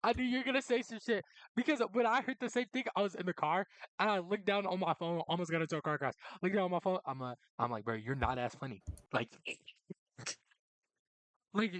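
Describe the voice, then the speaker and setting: A man's voice: sits high, brisk, no room sound. A man co-hosting a casual reaction chat, joking in slang. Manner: excitable slang-heavy banter. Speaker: co-host.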